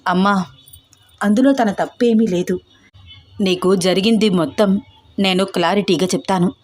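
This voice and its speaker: A woman's voice: mid-range voice, moderate pace, no echo, lightly acted. A woman voicing a troubled young man who pleads anxiously with his mother. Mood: pleading.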